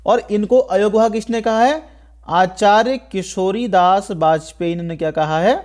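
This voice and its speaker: In this Hindi grammar video lesson, the teacher works through the material step by step in an unhurried, high-pitched voice with a darkish tone. He keeps asking the class "ठीक है" and goes back over the main points.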